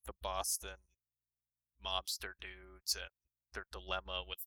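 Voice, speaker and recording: A man's voice: low-pitched, completely flat delivery, takes it slowly, sharp tone, clear, resonant tone, dry recording, poor audio. A man in a casual movie chat, hesitant and full of fillers. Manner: hesitant, lots of fillers, shrugging.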